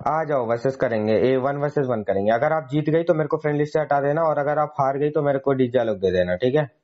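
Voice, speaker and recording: A man's voice: mid-range voice, fast talker, dull audio. A man hosting a gaming channel, chatting casually and pleading persistently over in-game voice chat.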